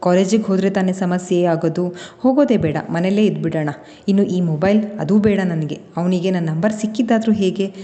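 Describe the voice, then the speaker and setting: Timid teen girl voiced by a woman, stammers, low mellow tone, long reverb. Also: brisk, natural voice. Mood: troubled. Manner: stammering, fearful. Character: frightened teenage girl, timid and tearful.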